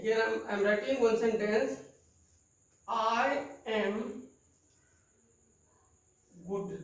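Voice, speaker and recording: A man teaching English grammar in a classroom lecture. He repeats key terms and keeps checking that students follow with quick questions. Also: extremely high pitch, background noise. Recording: very echoey room, voice far from the mic.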